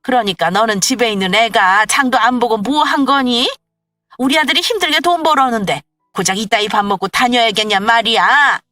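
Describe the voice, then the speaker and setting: A woman voicing a bossy, contemptuous older mother-in-law who scolds in a shrill, sneering way. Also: fairly quick, bright, forceful tone, no echo, recorded from a distance, faint music behind. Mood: scolding.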